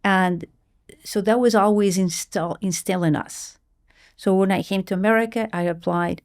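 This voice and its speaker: A woman's voice: medium pitch, steady tone, normal speed, a little mellow. A middle-aged woman from Portugal, telling her life story earnestly in an interview, with hesitant restarts. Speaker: guest, marketing executive.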